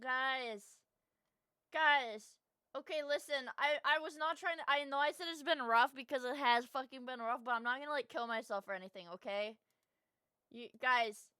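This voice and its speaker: A woman's voice: high voice, normal speed, pushed and bright, smooth, no room sound, clean studio sound. A young woman livestreamer chatting casually with her viewers in a cute anime-streamer manner, gushing and swearing freely.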